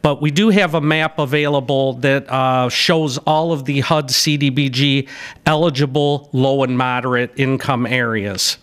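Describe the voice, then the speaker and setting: Indoors in a city council chamber, a middle-aged city staff member reads budget figures from his notes into a podium microphone at a public hearing, with some "uh" fillers and restarts. His voice is medium-pitched, steady, unhurried, a bit bright and clean.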